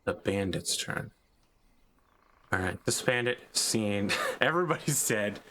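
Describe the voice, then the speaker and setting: A man acts as game master, narrating a tabletop game in a casual way. His voice sits a little low, and faint noise runs behind it. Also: lively intonation, unhurried, pushed and bright.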